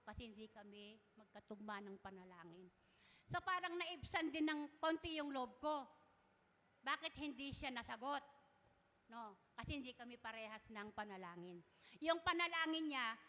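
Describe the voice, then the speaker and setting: A woman giving an emotional personal testimony in church, halting and tearful, laughing softly between lines. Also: on the high side, long reverb tail.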